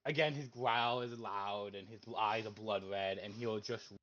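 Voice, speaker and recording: A man playing in a tabletop game over an online call, playful and quick to laugh. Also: lowish voice, lo-fi sound. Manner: playful, laughs a lot, animated. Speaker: player. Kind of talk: casual tabletop game chat.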